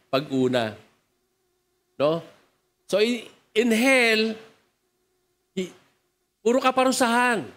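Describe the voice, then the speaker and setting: A man's voice: sits high, sharp tone. A man preaching with a Filipino accent, conversational and switching languages, often asking the crowd to respond. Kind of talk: sermon mixing joke and scripture.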